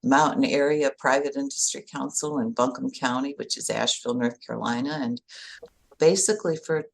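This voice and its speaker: An older woman from upstate New York, director of a workforce association, is a podcast guest telling her career story in an interview answer. She has a bass voice with vocal fry, talks fairly quickly, and chats along with frequent restarts.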